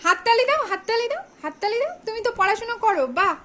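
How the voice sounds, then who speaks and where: A woman's voice: very high-pitched, big pitch swings, fast, sharp tone. A woman tutoring a small child at home, repeating prompts, coaxing and scolding in turns. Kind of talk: home reading lesson with a child.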